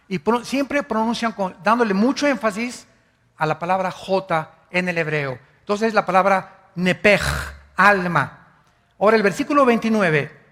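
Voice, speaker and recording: A man's voice: high voice, a bit bright, in a large hall. A man preaching a sermon as pastor, teaching like a teacher, spelling out words letter by letter and asking his listeners questions. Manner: asks the congregation questions.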